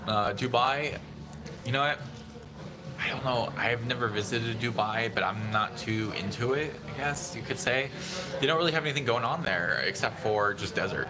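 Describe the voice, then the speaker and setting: A man in his thirties, hosting a casual phone livestream, rambling in a relaxed way and answering viewer chat. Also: medium pitch, normal speed, over music. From San Diego, USA. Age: 30s. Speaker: livestream host. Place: busy restaurant indoors. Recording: phone audio with busy restaurant chatter. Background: restaurant crowd chatter.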